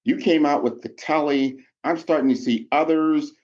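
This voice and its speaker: A man hosting a podcast interview, talking in an animated, rambling way. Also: fairly high pitch, normal speed, dull audio. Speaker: podcast host. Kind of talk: conversational interview.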